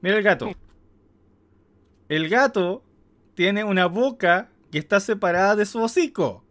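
A man's voice: sits high, animated, a little slow, a bit bright. A man with a Latin American Spanish accent giving casual, amused reaction commentary. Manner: amused, breaks into chuckles. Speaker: reaction host.

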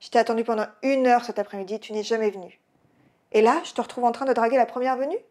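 A woman's voice: fairly high pitch, animated, normal speed, gravelly, husky, exaggerated voice. A woman reading the lines of a tipsy, furious young woman who raises her voice. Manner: angry, raised voice.

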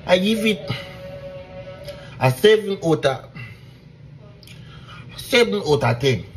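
A man from Jamaica with a fairly high voice hosts a lighthearted food-tasting clip. He jokes his way through each dish and talks straight to his viewers, with a little music playing faintly behind him. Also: big pitch swings, slow pace. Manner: playful, chatty, addresses viewers directly. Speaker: food tasting video host. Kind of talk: casual comic food-tasting commentary.

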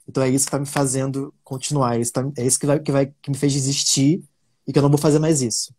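A man's voice: medium pitch, level tone, racing, darkish tone, husky. A man from Brazil, an interview guest, telling stories animatedly with many fillers and restarts. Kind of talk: casual interview talk.

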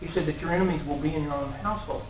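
A middle-aged lay preacher races through an earnest sermon in a fairly high voice, building to emphatic warnings. He speaks into a stand mic by his mouth in a small church room before a cross. The recording is tinny, echoey, and distant, with faint hiss in the background.

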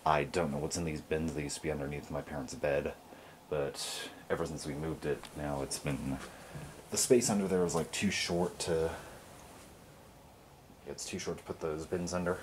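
Young man, very low voice, loose rambling home tour; noisy handheld camera audio. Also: steady tone, moderate pace. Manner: rambling, loose, lots of fillers. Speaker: vlogger. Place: carpeted family house indoors. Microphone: handheld camera mic.

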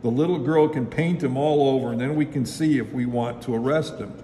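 A man reading aloud and voicing a calm, matter-of-fact male police chief, in an echoey hall. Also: mid-range voice, a little fast, natural voice. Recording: echoey hall, faint noise.

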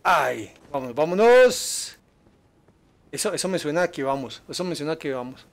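A man streaming a game live, chatting with viewers and yelping in excitement at enemies. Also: on the high side, normal speed, gravelly. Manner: excitable, yelps and laughs at danger, chats with viewers. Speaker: gaming streamer. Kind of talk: live gameplay commentary.

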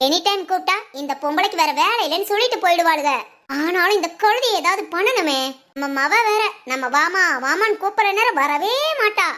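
Cartoon casting: woman doing a very high, sharp-voiced jealous mother-in-law who grumbles and scolds. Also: expressive, a little fast, full character voice. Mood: bitter lament. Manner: grumbling, scolding lament, full of village insults. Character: scheming bitter older mother-in-law, jealous of her son's wife. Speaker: cartoon voice actor. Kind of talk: cartoon family drama acting.

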